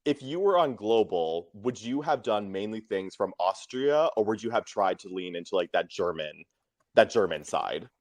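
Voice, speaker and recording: A man's voice: fairly low pitch, lively intonation, normal speed, dry recording. A man co-hosting a casual podcast recap, steering the talk and asking the guest questions. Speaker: podcast co-host.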